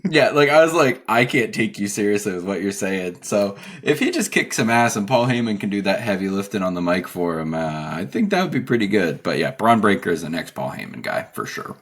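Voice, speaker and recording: A man's voice: fairly low pitch, sing-song, fairly quick, few pauses, breathy edge. A man co-hosting a podcast, talking casually, laughing often and working through his notes. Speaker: podcast co-host.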